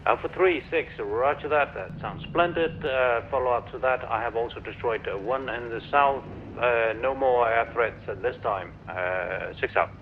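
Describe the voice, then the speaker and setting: Man, walkie-talkie radio orders, muffled, faint hiss, average pitch, measured. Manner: measured, hesitant with "uh" fillers. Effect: over a walkie-talkie style radio. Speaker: company commander player.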